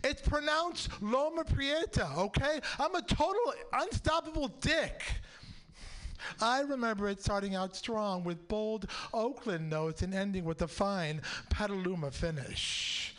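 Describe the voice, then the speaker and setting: A man's voice: high-pitched, expressive, a little slow, a bit bright. A man from San Francisco doing a rambling, self-mocking stand-up set at a radio studio open mic, slipping into snooty put-on voices. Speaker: stand-up comedian.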